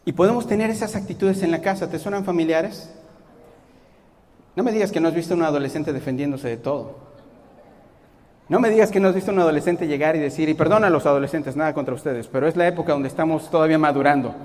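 A man with a high voice preaches a sermon, animated and acting out the people he quotes. His voice rings with the long reverb of a church hall. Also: quick pace.

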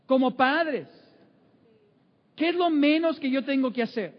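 A man preaching a sermon in a conversational way, with many fillers and acted-out inner voices. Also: extremely high pitch. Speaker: pastor. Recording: muffled sound in a reverberant hall.

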